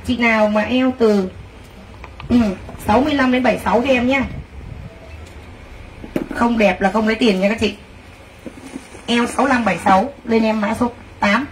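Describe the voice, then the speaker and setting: A woman's voice: a little high, moderate pace, pauses often, distant mic, low-quality recording. A woman running a live clothing sale, gushing with exclamations and talking straight to her viewers. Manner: excitable, gushing exclamations, addresses viewers directly. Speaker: livestream clothing seller. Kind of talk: live selling pitch. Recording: voice from away from the mic, faint background noise.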